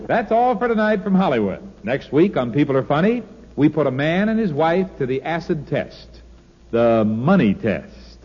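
High-voiced man on an old broadcast disc. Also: big pitch swings, normal speed. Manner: joking, coaxing, playful. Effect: old broadcast disc recording. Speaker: radio quiz show host. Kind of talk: old radio game show hosting. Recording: dull lo-fi old radio disc with faint hiss.

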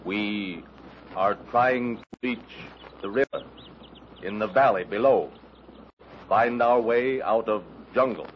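Tarzan, slow-spoken jungle hero. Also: male voice, lowish voice. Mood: calm, firm. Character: calm, commanding jungle ape man hero. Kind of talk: 1930s radio acting. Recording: dull, noisy old radio recording.

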